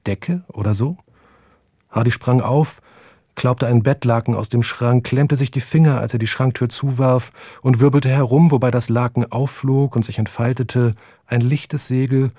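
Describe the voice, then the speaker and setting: Male narrator, wry audiobook reading, close and dry, warm tone. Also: mid-range voice, fairly even intonation, normal speed, dry recording. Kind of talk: reading fiction aloud.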